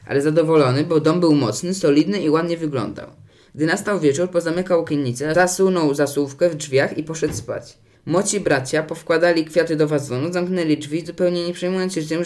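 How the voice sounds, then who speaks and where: A man narrating a children's fairy tale in a lively, expressive storybook reading. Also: fairly high pitch.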